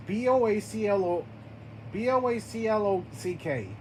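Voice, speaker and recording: An amateur storyteller improvising a story, halting often, restarting lines and spelling out names. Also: medium pitch, animated, slight background noise, low-quality recording.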